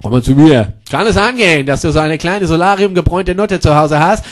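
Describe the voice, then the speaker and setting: A man playing a brash, crude loudmouth. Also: a little high, lively intonation, fairly quick, lightly acted. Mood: impatient. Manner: loud, rude, mixes broken English into German. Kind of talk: comedy sketch acting.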